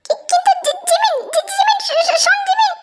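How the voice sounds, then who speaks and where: A woman's voice: very high voice, moderate pace, noisy background, pitched above the performer's own voice. A woman voicing a flustered, shy young man in a storybook reading who stammers and protests.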